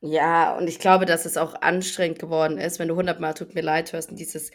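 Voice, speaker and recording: A young woman chats casually on a podcast with a slightly lowered pitch. She runs through events briskly, talkative and easygoing, laughing now and then. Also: little pitch movement. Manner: brisk, talkative storyteller who laughs between points. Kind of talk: casual chat recapping a reality show.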